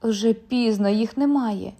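A woman voicing a stubborn husband eager for one last swim, who later shouts in alarm. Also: a little high, takes it slowly. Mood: alarmed shouting. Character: man on a beach, stubborn, restless to swim.

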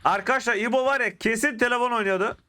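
A young man from Turkey reacts to his mobile game match in a high, excitable voice. He talks with a slight lisp from dental braces. Loud gunfire and game sounds run behind him. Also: fast talker, heavy background noise. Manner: excitable, exclaiming at the action. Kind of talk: casual gameplay commentary. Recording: gameplay audio and gunfire behind.

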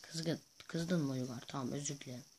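A male gaming host giving playful, excitable commentary over his own gameplay, often chanting silly repeated sounds. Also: medium pitch, brisk, a little hiss or hum.

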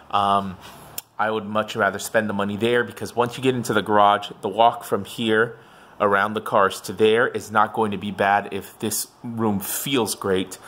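A man's voice: fairly low pitch, a bit bright. A man filming a walkthrough of a home garage on a handheld phone, advising on moving the laundry in an informal, thinking-aloud way. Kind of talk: casual walkthrough explanation. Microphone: handheld phone camera.

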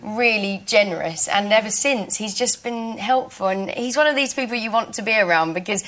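Bright giggly Essex woman. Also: medium pitch, normal speed. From Essex, England. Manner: chatty, giggly, animated. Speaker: actress guest. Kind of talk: casual chat on a daytime talk show. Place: television studio.

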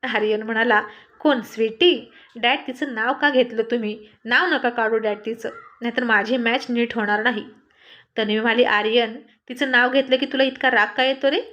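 A woman's voice: a little high, steady tone, moderate pace, a bit bright, lo-fi sound. A woman narrating a family love story, reading all the characters' lines herself in a light, conversational tone.

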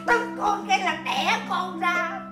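An actress playing an older mother-in-law in a sitcom, who scolds sharply and consoles softly. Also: extremely high pitch, a little slow, roomy sound, over music. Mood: consoling. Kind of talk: sitcom acting.

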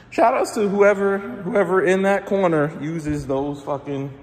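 A man's voice: sits high, slow pace, darkish tone. A man in his twenties vlogging casually in a gym on a phone, rambling and swearing in frustration. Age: 20s. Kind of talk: casual vlog. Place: large indoor gym. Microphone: phone held low at arm's length. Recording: echoey gym room.

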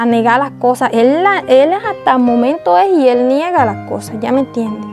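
High-voiced young woman recounting. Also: gravelly, darkish tone. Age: young adult. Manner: recounts dialogue, acting out voices of others. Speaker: interviewee telling her life story. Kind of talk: emotional personal testimony.

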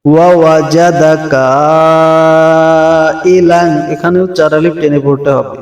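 A man teaching Quran recitation line by line, chanting each verse slowly and repeating it syllable by syllable, then explaining pronunciation rules in plain speech. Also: a little high, fairly even intonation, darkish tone, distant mic. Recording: roomy, voice off the mic.

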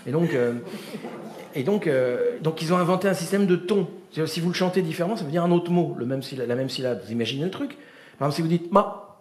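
A man's voice: a little high, quick pace. Guy doing a funny stage lecture, bouncy voice all over the place, does impressions, roomy hall sound. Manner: animated, imitates sounds and voices, many restarts. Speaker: performer of a gesticulated lecture. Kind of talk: comic storytelling lecture to an audience.

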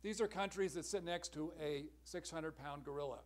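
An earnest man with a fairly high voice gives an academic talk at a symposium, standing at a podium in a large lecture hall. He speaks in a measured way and clears his throat now and then, picked up by a podium microphone and a distant camera.

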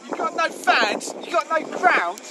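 A man's voice: very high voice, expressive, measured pace. A man voicing a confrontational young rival who taunts and challenges. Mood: taunting. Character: aggressive young male rival picking a fight. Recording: wind buffeting the mic outdoors.

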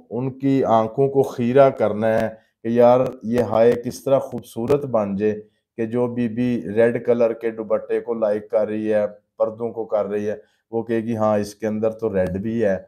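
Male painting teacher, warm low tone, patient and fatherly, breaks each step down in plain terms. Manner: addresses students fatherly as "beta". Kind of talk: live painting demonstration lesson.

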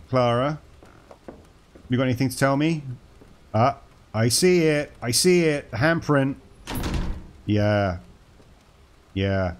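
A man casually commenting on a horror game as he plays, joking and talking to the game's characters. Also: mid-range voice. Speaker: gaming channel host.

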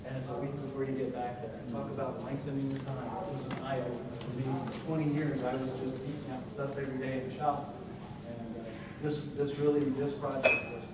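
A man's voice: mid-range voice, flat delivery, a little fast, hardly any pauses. A man teaching a woodworking class in a large conference room, easygoing and practical as he answers questions from the audience. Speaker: woodworking instructor. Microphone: far camera. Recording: echoey hall, far mic, room noise.

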